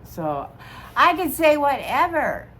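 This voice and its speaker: A woman in her sixties, slightly tipsy, chats casually and ramblingly as a vlogger. Her voice is high-pitched, sing-song and a bit bright, and she takes it slowly.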